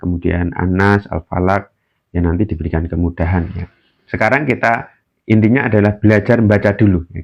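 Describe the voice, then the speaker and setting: A man teaching Quran reading in an online lesson, patient, adding a filler "ya" after nearly every phrase. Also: gravelly. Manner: slow, patient, many filler "ya"s, chants examples in a higher voice. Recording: dull lo-fi recording.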